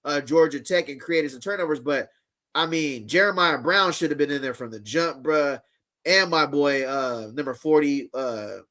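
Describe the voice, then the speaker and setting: A man's voice: fairly high pitch, moderate pace, pushed and bright. A man hosting a live fan show in a casual, laid-back way, using slang and reading chat comments aloud. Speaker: show host.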